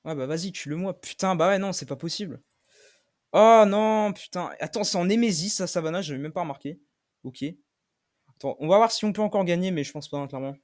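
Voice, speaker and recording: A young man commentating his own game play, swearing often and shouting when he loses. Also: a little high, fast talker. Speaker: gaming streamer.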